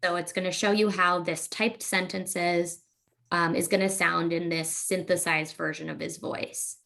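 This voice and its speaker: A woman speech-language pathologist giving a webinar presentation, explaining in a relaxed way with frequent fillers. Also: fairly low pitch, unhurried, creaky.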